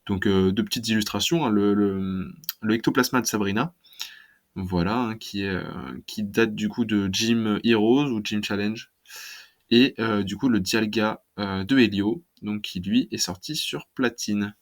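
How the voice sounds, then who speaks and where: A man's voice: lowish voice, steady tone, a little slow. A man talking casually about trading cards for his channel, hesitant and full of fillers. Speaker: card collecting YouTuber. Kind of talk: casual video talk.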